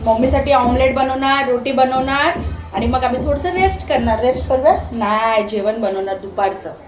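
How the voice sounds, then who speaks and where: A woman's voice: sits high, normal speed, a little hiss or hum. A young woman with a Marathi accent chatting casually in a home kitchen vlog, cooing and baby-talking to her toddler as she cooks. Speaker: vlogger mother. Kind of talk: casual family vlog chat.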